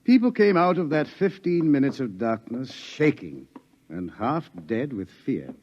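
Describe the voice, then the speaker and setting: An actor playing a grave scientist and doctor who lectures in a measured, ominous way. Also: male voice, mid-range voice, very animated, a little mellow. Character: grave older scientist warning of doom. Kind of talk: 1950s radio acting. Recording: dull 1950s radio broadcast.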